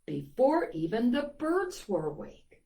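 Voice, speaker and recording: Reading a picture book to kids, a woman tells the tale expressively and throws in little asides for her young listeners. Her voice is a little high and gravelly, swinging widely in pitch at a measured pace. Background noise is audible in the clip.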